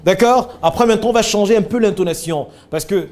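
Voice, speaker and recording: A man leading a voice training workshop, coaching students with animated corrections. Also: high voice, fairly quick.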